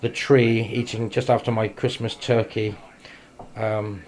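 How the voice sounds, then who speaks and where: An English amateur radio operator chats informally in a casual vlog shot on a handheld camera in his small indoor radio shack at home. His voice is on the low side, with a flat delivery, a somewhat slow pace, and a darkish tone. Faint noise runs through the recording.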